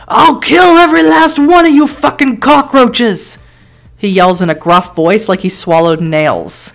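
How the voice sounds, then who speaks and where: A woman streamer reading an interactive horror story aloud, with quick surprised asides and laughs as she weighs each choice. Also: lowish voice, a bit bright.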